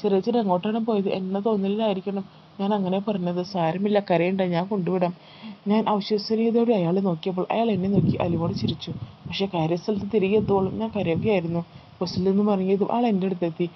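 A woman narrating a first-person life story in a calm, steady storytelling read. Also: medium pitch, quick pace. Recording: slightly muffled with faint background noise.

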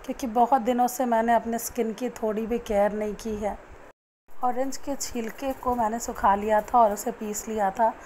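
Her pitch is fairly high but her tone darkish, and the rough recording has slight background noise. A young new mother in a casual home vlog, she coos baby talk to her infant and chats with viewers, advising them plainly and directly.

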